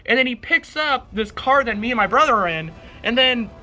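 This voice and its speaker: A man giving rambling, self-mocking commentary as he reads the comics he made as a kid, with excited outbursts and asides. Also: very high-pitched, a little fast. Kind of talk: comedic commentary reading his old comics.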